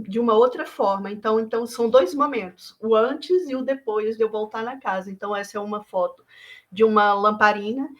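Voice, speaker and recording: With a medium-pitched voice and Brazilian Portuguese accent, a woman artist from Bahia works through her thoughts on her art. Her delivery is reflective and hesitant, frequently restarting and leaning on fillers.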